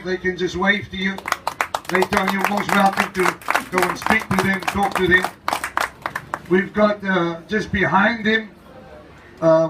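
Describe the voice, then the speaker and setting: A man, an interim leader, giving a slow, emphatic ceremonial welcome speech to a gathering and repeating his key phrases. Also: high voice, background noise. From South Africa.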